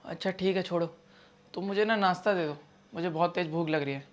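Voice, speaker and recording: A man's voice: sits high, brisk, close to an everyday voice. A man acting as a young office-going husband who keeps protesting his wife's cost cutting in a scripted family skit. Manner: protesting, exasperated.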